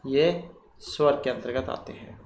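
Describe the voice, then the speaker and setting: Slow, deliberate male grammar teacher. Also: mid-range voice, a little mellow. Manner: slow and deliberate, repeats key terms and asks himself questions. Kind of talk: exam-prep lesson going through quiz questions. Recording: echoey room, faint ambient noise.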